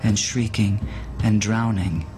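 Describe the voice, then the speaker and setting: A man preaching in a solemn, measured way, recounting a vision as a sermon over music. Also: lowish voice. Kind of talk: sermon reading of a vision story.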